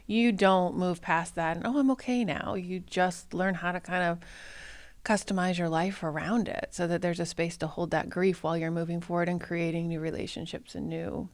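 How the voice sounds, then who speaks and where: Low gravelly-voiced woman. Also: level tone, normal speed, dry recording. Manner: warm storytelling, laughs often. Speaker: guest therapist. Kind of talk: casual podcast interview.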